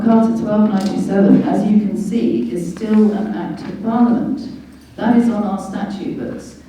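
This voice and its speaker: At an indoor public meeting, a woman speaking as a lawyer passionately and forcefully explains legal issues. She has a dark-toned, mid-range voice, recorded from a distance in an echoey room.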